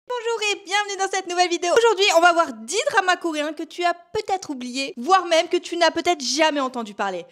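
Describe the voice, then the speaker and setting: Young woman vlogger, high bright voice, chatty, talks directly to camera. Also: animated, quick pace, hardly any pauses. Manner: chatty, speaks directly to the viewer. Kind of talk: casual chat to camera.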